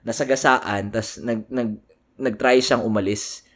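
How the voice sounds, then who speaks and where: A man's voice: medium pitch, fairly even intonation, a little slow. A man co-hosting a casual podcast, chatting in slangy mixed Tagalog and English, swearing often and laughing easily. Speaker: podcast co-host. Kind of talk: casual chat.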